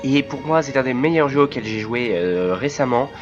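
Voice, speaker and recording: A man with a cold hosting his first game let's play video, talking hesitantly with many filler pauses as he explains the game. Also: mid-range voice, expressive, lo-fi sound. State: sick, voice cracking. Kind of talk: game commentary. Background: faint game music.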